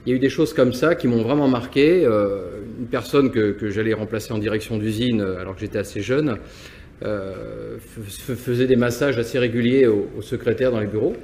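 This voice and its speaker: Pitched fairly low and slightly dark in tone, this voice belongs to a company owner from Nantes, France, talking a little fast. He reflects on personal matters in interview answers, restarting often and repeating words, with slight background noise present.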